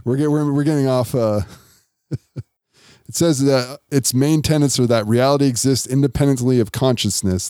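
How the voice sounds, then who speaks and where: A man's voice: mid-range voice, mellow, no room sound, studio quality. A man hosting a podcast, chatting casually and explaining things in a loose, rambling way. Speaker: podcast host. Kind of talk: casual chat with reading and recapping.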